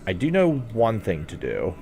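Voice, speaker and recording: Man, very deep voice, lively intonation, casual game guide commentary, music in the background. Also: normal speed, vocal fry. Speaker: video game guide narrator.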